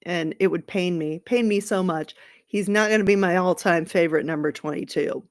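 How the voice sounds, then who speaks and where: A woman's voice: lowish voice, normal speed. A woman hosting her own sports podcast late at night, chatting alone in a rambling, sarcastic, gossipy way with playful outbursts. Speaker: podcast host. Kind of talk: casual solo sports podcast.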